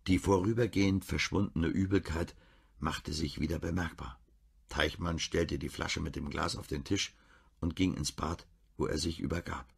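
A man reading a German crime audiobook in a calm, measured way. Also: very deep voice, vocal fry, breathy edge. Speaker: audiobook narrator. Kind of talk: scripted narration.

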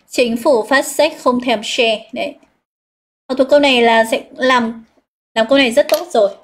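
A woman with a Northern Vietnamese accent leads a live English exam review, her voice a little higher than most. She explains each answer step by step, stretches out the key words and calls out what her students chose. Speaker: English teacher.

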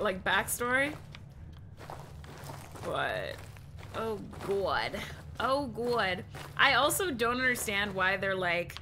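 Playing a horror game on stream, a young woman reacts with jumps, exclamations, and swearing. She speaks at a medium pitch over game music in a noisy background.

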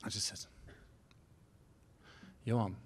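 A man in his forties from Norway with a Norwegian accent, giving a keynote speech at a university podium, earnest and halting, restarting phrases in non-native English. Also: a little hiss or hum. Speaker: keynote speaker. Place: university auditorium stage. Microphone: podium microphone.

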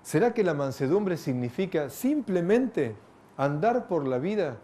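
A man's voice: a little high, sing-song, measured pace, warm tone. A middle-aged man gives a reflective spiritual talk to an audience. He poses rhetorical questions and adds touches of light humor. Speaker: spiritual lecturer.

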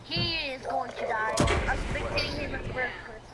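Her voice sits high and carries over a noisy line full of clicks. She's excitable and quick to curse at the game. She needles her partner throughout. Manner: excitable, swearing, complaining at the game. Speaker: gaming partner. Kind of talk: casual gameplay banter.

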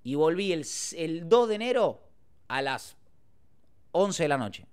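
Young argentine guy, slightly high voice, slangy rambling storytelling, podcast host. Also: very animated, a little slow, clean tone. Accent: Argentine Spanish. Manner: slangy, rambling with filler tags. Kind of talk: casual storytelling.

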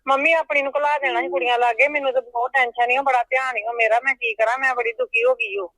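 A woman's voice: high-pitched, fairly even intonation, fast, fairly bright tone, no room sound, low-quality recording. A woman playing a worried aunt calling from the hospital, anxious and rambling in an amateur family drama.

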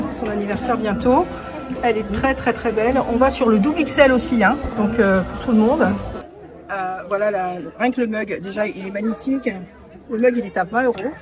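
A woman vlogging casually from an indoor shop, gushing over each item and piling on superlatives, filming on a handheld phone. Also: a little high. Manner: gushing, piles on superlatives and repeats "very, very". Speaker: merchandise vlogger. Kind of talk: casual shopping vlog. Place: indoor theme park shop. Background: shop background music.

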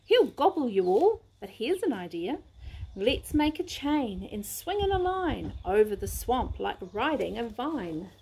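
Alert female storybook lizard, commanding, lively high voice, a woman voicing her. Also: measured pace, gravelly, slight background noise, full character voice, rough recording. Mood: urgent.

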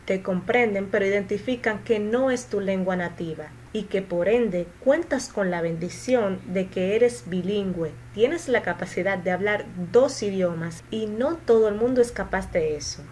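A woman teaching English pronunciation, repeating model sentences slowly and clearly, then translating and giving advice. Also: mid-range voice, a little mellow, a little hiss or hum, rough recording. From Latin America. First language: Spanish. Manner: slow, deliberate, clearly articulated model sentences. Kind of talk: pronunciation lesson with slow repetition and translation.

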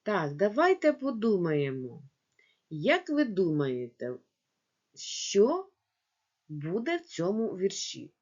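A woman teaching young children in a video lesson, dictating words slowly syllable by syllable and speaking to the class directly. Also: mid-range voice, wildly swooping pitch, darkish tone. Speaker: primary school teacher. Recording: dull lo-fi home recording.

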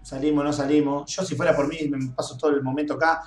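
Young man, Rioplatense Spanish accent, high voice, echoey room, excitable and swearing game commentary. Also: fast. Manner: excitable, swearing, screams when chased. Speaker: gameplay streamer. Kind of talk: gaming commentary. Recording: echoey room, faint noise.

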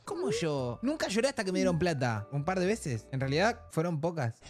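An Argentine man with a Rioplatense accent riffs excitably over clips on a live stream. His pitch leaps up and down freely as he reacts and curses. Faint music plays behind him. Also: fairly quick. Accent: Rioplatense Argentine Spanish. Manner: excitable, swears often, chatty with the chat.

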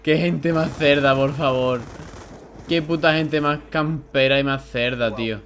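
A young man with a Spain Spanish accent doing live gameplay commentary, excitable and grumbling, swearing when frustrated. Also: fairly high pitch, unhurried. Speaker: gaming YouTuber.

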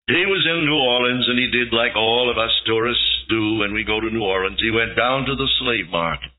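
A man's voice: mid-range voice, moderate pace. A man preaching a sermon, telling a story dramatically and building to emphatic peaks. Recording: tinny lo-fi tape recording.

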